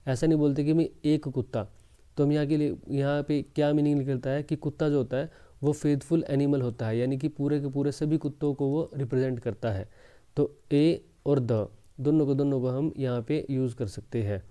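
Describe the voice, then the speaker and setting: Male teacher, mid pitch, smooth and very mellow tone, deliberate explainer. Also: steady tone. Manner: slow deliberate reading of English sentences; explaining, addresses viewers as friends. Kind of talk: exam prep lesson.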